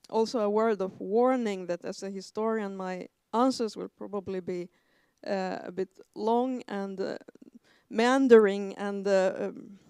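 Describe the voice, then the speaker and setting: A woman in her forties, raised in Sweden, speaking as a historian on an academic panel in a measured way with frequent hesitations. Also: mid-range voice, warm tone, smooth, dry recording, studio quality. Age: 40s.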